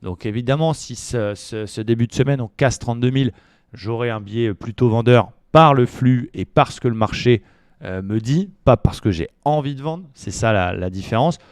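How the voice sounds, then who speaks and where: A man walking through his trading plan in a relaxed, chatty way, full of fillers and slangy asides. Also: mid-range voice, moderate pace, no echo, studio quality. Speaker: trading educator. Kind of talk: casual market analysis video.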